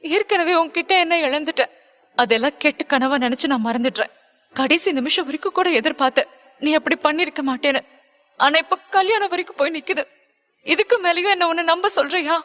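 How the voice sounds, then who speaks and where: A woman's voice: high-pitched, animated, fairly quick, pushed and bright, big-room sound, exaggerated voice. A woman voicing a hurt and angry young woman who accuses her lover, in an audiobook. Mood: bitter. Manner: accusing, bitter, pleading.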